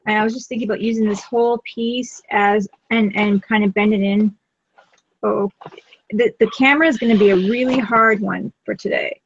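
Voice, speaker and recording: A woman's voice: medium pitch, steady tone, normal speed, highs cut off, a little hiss or hum. A woman co-hosting a live craft stream, chatting in an easygoing way while she works.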